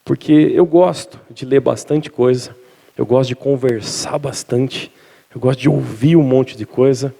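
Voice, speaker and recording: Man preaching in a dark, gravelly voice. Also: mid-range voice, a little slow. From Minas Gerais, Brazil. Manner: lively storytelling with jokes to the congregation. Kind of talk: sermon. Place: church service.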